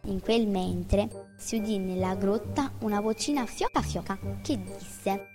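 A woman's voice: mid-range voice, measured pace, over music. Woman reading a children's story. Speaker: narrator.

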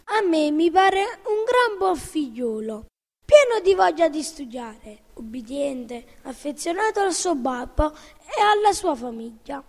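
Pinocchio the cheeky wooden puppet boy squeaks and frets in a storybook tale, voiced high and excitable by a woman narrator. Music tinkles softly behind the lines. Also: a little slow, heavily acted. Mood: fibbing.

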